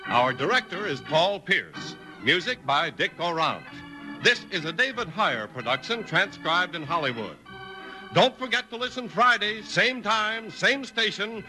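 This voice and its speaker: An American man announcing in an old-time 1950s radio style, with an emphatic, showy sponsor pitch. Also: poor audio. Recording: old radio broadcast with music behind.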